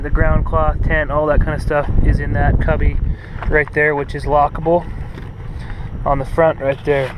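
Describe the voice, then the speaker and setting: A man's voice: on the high side, noisy background. A man giving a casual, rambling walkthrough outdoors in open desert, talking into a head-mounted action camera with many fillers as he works with his hands. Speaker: vlogger showing his trailer.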